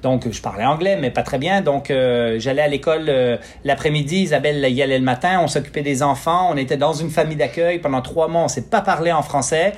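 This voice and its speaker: A man in his forties with a Quebec French accent, a physiotherapist talking as a podcast guest, pausing often with fillers and restarts. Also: on the high side. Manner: hesitant, many fillers and restarts. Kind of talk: casual interview talk.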